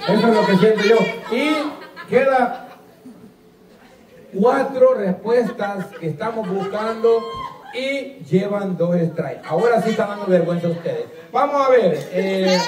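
A Salvadoran man hosts a family quiz show with a high, bright voice and a joking, teasing manner. He sounds far from the microphone in an echoey hall, and a loud audience crowd is heard behind him. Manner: joking, teasing, laughs often. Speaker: game show host. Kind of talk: lively quiz show hosting.

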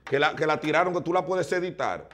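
A man with a Dominican accent, arguing emphatically as a TV panelist in a lively studio debate. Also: on the high side. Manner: emphatic, insistent, lists items rapidly.

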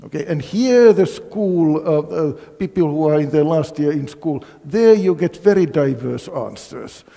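A man's voice: a little high, lively intonation, measured pace, vocal fry, dark tone. An older man from Finland giving a university physics colloquium, quizzing the audience with many fillers. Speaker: physics lecturer. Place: lecture hall. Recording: long hall reverb.

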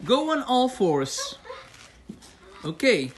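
A woman's voice: a little high, very animated, very slow, slight background noise. A woman giving a child simple, encouraging step-by-step instructions in short phrases, often repeating answers. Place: outdoors in a small backyard. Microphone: handheld phone.

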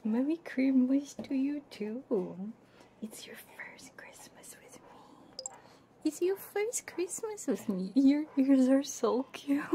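A woman ASMR VTuber speaks in a high, warm, sing-song voice at a slow pace, chatting playfully on a live stream and often whispering. She giggles and coos to her pet dogs in a doting way. Her binaural 3Dio ASMR mic catches faint background noise.

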